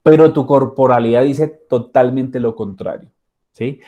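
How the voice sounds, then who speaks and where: A man giving a soft skills training talk, conversational and acting out short dialogues. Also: mid-range voice, unhurried, phone-quality sound. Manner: conversational, acts out little dialogues with repeated fillers. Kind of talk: training lecture.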